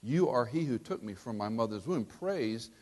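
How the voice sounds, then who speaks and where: A man's voice: medium pitch, expressive, moderate pace, a little mellow. An older man preaching a sermon, asking rhetorical questions and acting out quotes.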